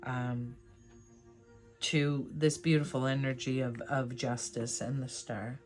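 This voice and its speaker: A tarot reader with a slow, unhurried delivery and a mid-range pitch talks casually to viewers. The manner is encouraging and affirming, like an informal one-to-one card reading. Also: level tone, faint music behind.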